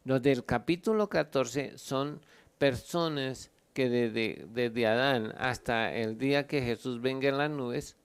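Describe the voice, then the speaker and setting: A man from Colombia, a pastor, speaks smoothly at medium pitch while fielding Bible questions. He explains things at length, reads scripture out loud and takes pauses to look up verses.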